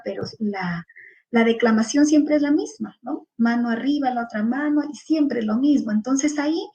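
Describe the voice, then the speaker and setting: A woman's voice: fairly high pitch, darkish tone, poor audio. A woman with a Peruvian Spanish accent giving a lecture to teachers, explaining things step by step and listing examples one after another, with fillers between them.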